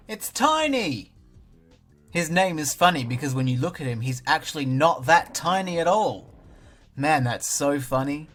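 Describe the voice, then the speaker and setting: A young man with an Australian accent narrates his gameplay in a casual, dry, self-mocking way. His voice sits mid-range but has a bright, forceful edge. Faint game music plays behind him. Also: medium pitch. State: talking with a mouth full of banana at times. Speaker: gaming YouTuber. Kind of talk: casual let's-play commentary.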